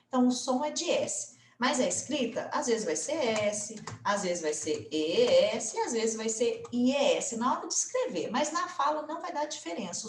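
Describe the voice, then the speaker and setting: A Brazilian woman with a slightly high voice walks learners through an English grammar point in a relaxed video lesson. She keeps checking in with little tag questions and slows down on each example phrase. The room around her sounds echoey. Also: slight background noise. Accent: Brazilian Portuguese. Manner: chatty, frequent tag questions like "né" and "tá". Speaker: English teacher.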